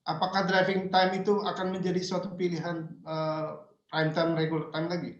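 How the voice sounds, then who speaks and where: A man moderating a webinar question session, speaking haltingly with frequent hesitations. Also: sits high, completely flat delivery. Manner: halting, fills pauses with hesitations. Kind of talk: hosting a webinar Q&A. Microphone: video call. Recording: roomy, dull online call audio.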